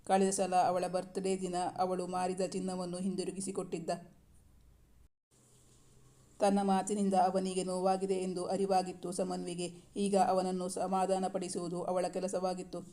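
A woman reads a romance novel aloud, steady and unhurried. Her voice sits low and dark, and it stays almost level from line to line. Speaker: storyteller.

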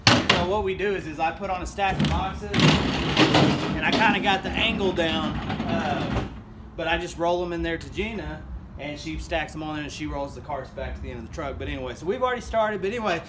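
Chatting jokily and rambling in a folksy way, this unboxing vlogger in his 30s talks briskly in a voice on the high side. He films around a storage unit and truck with open doors, while vehicle sounds crowd the noisy camera audio.

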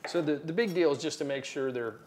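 A man's voice: fairly high pitch, a little fast, darkish tone, a little hiss or hum. A middle-aged man hosting a cooking show in a home kitchen, upbeat and joking, repeating his guest's steps back to her. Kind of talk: casual on-camera cooking chat.

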